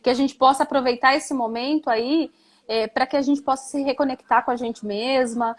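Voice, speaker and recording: High-voiced woman, reflective live chat. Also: fairly even intonation, normal speed. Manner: reflective, frequent "né?" tags. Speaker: live-stream guest. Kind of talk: conversational live stream.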